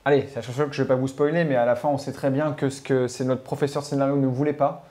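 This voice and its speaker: A man co-hosts a relaxed film chat show, talking quickly. He jokes around and keeps the conversation moving. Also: medium pitch. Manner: quick, joking, chatty. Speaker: co-host.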